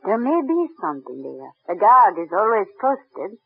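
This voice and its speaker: An actress playing a kindly older French village widow with a French accent in old-time radio drama. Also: female voice, medium pitch, very animated, normal speed, breathy edge, no room sound. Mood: hushed, earnest. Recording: tinny narrow vintage radio sound.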